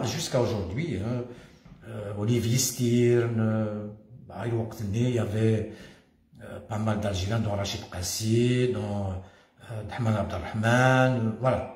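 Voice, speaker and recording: Speaking casually to camera about personal matters, this older Kabyle Algerian man, a former community association leader, has a fairly low, darkish voice. He's slow and hesitant, pausing often, and the echoey room at his home has a stone wall and a staircase.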